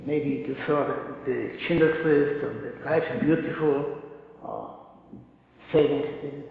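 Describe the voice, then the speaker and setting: A man's voice: medium pitch, takes it slowly, gravelly. An older man from Poland with a Polish accent, giving an earnest, plain-spoken survivor testimony at a podium in a large auditorium. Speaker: Holocaust survivor speaker. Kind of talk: testimony talk. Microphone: podium mic, far camera. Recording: echoey hall, lo-fi camcorder sound.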